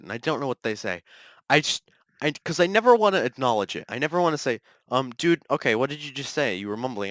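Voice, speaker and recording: A man's voice: mid-range voice, fairly bright tone, dry recording. A young man hosting a solo podcast from his bedroom, ranting in an exasperated, rambling way with many restarts. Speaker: podcast host.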